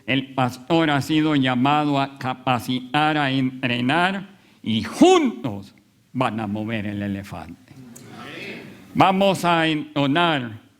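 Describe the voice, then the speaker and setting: A man preaching a sermon, telling a story with frequent pauses and fillers. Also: medium pitch, sing-song. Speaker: pastor.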